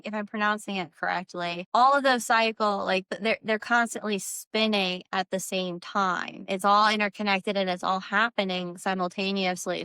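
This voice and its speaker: Female craft vlogger, crisp and bright, loose conversational delivery, earnest spiritual bent, filler-heavy. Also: mid-range voice, no echo. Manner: informal, meandering, frequent "like" filler; earnest, spiritual new-age way of explaining. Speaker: candle maker presenting own work. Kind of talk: casual rambling product vlog.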